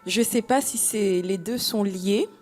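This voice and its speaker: A woman's voice: mid-range voice, measured pace, a little mellow, soft background music. A woman speaking on a live festival round table, talking candidly about herself with a joking, hesitant, chatty manner. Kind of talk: live panel discussion.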